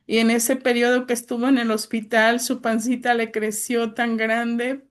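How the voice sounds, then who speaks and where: A woman's voice: fairly high pitch, level tone, normal speed. A middle-aged woman giving an earnest, pleading religious testimony to a group of church sisters, with frequent filler words.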